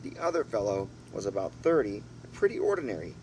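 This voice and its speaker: A steady hum and background noise fill this home recording of an amateur reading a storybook aloud. His voice sits on the low side and moves quickly, and he reads informally with asides, now and then stumbling and correcting himself.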